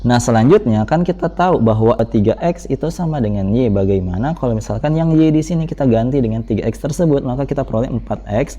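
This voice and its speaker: A male tutor explains math problems quickly, and his dark, mellow voice rarely lifts in brightness. The recording sounds dull and lo-fi, like a cheap screen-capture mic. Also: medium pitch. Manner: brisk, repeats fillers.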